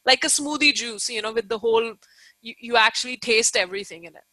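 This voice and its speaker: A woman's voice: fairly high pitch, quick pace, sharp tone, no echo, poor audio. A woman teacher giving an informal live online lecture, explaining emphatically, repeating key points and often checking that listeners follow.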